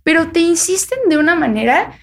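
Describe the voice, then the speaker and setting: A woman's voice: very high voice, animated, a little fast. A young woman with a Mexican accent, chatting casually as a podcast host and acting out what others said. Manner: chatty, acts out quoted voices. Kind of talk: casual chat.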